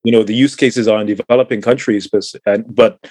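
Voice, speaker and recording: This guest, a middle-aged climate tech entrepreneur from Trinidad, gives thoughtful interview answers peppered with fillers and repeated words. His fairly low voice is slightly mellow and breathy, with fairly even intonation, a slightly quick pace, and no room sound.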